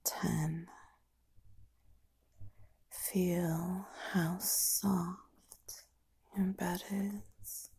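A woman whispers an ASMR hypnosis in an unvoiced hush. Her delivery is extremely slow and even, with little rise and fall. The whisper is husky and warm. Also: fairly low pitch. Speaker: ASMR performer.

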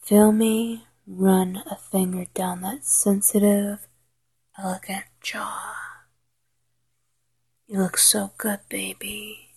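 A woman whispering a slow, coaxing guided hypnosis roleplay in a soft, intimate voice. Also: medium pitch, little pitch movement, creaky, breathy edge. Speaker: hypnosis narrator.

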